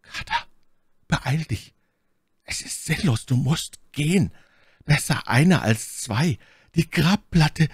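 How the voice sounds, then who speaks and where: A trapped man in a horror audiobook cries out in panic, his voice pushed up high and strained, as a male reader puts him on. He pleads in a desperate, half-whispered way. The reading is dry and close. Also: lively intonation, takes it slowly, long pauses, husky, no room sound, full character voice. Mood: urgent whisper. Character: terrified trapped man calling up from below.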